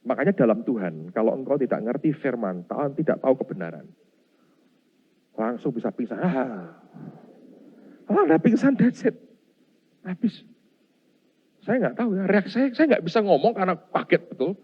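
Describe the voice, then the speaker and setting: Animated pastor, husky voice. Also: male voice, medium pitch, a little fast. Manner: animated, acts out scenes, addresses congregation as Saudara. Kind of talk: sermon with storytelling. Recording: dull lo-fi sound.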